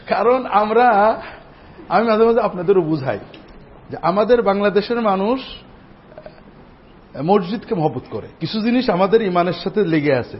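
A man giving a Friday sermon as imam in a mosque, speaking straight to the congregation after a slow chanted Arabic opening. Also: high-pitched, expressive. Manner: teaching, addressing the congregation directly. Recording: dull lo-fi recording with faint noise.

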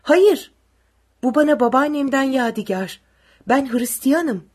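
A woman voicing a terrified young mother who begs tearfully for mercy, with a husky voice. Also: high voice, expressive, a little slow, darkish tone, pitched above the performer's own voice, exaggerated voice. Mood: tearful begging. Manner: tearful pleading.

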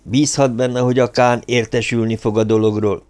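A man voicing a calm, composed, weary male imperial commissioner. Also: mid-range voice, lightly acted. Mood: dry. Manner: mild and composed. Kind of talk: audiobook character voice.

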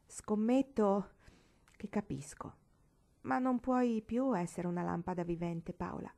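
A woman's voice: medium pitch, a little slow, vocal fry, warm tone. A woman reading aloud, voicing an earnest, impulsive young girl. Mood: gentle.

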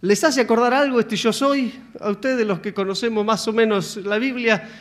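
High-voiced man preaching in a conversational way. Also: steady tone, normal speed. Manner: conversational, acts out biblical dialogue with frequent tag questions. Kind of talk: sermon.

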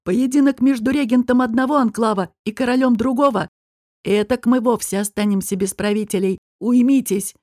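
A woman's voice: fairly high pitch, normal speed, a little mellow, no echo, studio quality, lightly acted. A woman voicing a bold male nobleman who speaks wryly and firmly.

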